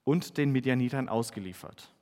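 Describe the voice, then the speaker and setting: A man's voice: moderate pace, big-room sound, lightly acted. A man reading the part of an anxious young farmer-warrior who pleads and questions, his voice raised a little. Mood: doubting. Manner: pleading, questioning, a bit higher and louder.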